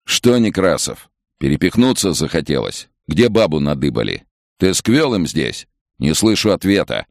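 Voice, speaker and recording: A man's voice: very deep voice, big pitch swings, normal speed, gravelly, no echo, clean studio sound, exaggerated voice. A man voicing a stern, commanding camp officer, harsh and mocking.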